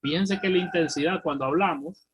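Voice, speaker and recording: A man's voice: a little high, fairly quick, slightly rough, poor audio. A man with a Honduran Spanish accent teaching a recorded lesson, thinking aloud through a problem and asking students check questions. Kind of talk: recorded math and physics lesson.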